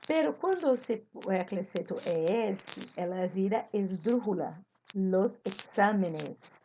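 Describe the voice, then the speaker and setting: A woman Spanish teacher with a Brazilian Portuguese accent, giving an online class, slowly repeating examples and explaining them. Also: mid-range voice, warm tone, slight background noise, poor audio.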